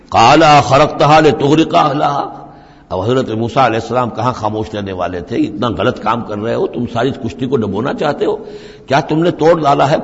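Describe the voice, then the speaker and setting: Male scripture teacher, commentary lecture, slow verse recitation then explanation, gravelly voice, long hall reverb. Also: mid-range voice. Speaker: religious teacher. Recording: dull lo-fi recording in a reverberant hall.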